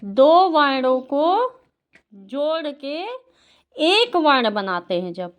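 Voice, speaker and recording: A woman's voice: high voice, expressive, drawn-out words. A woman tutoring a young child at home, patiently asking questions and repeating the answers. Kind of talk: home tutoring, Hindi lesson.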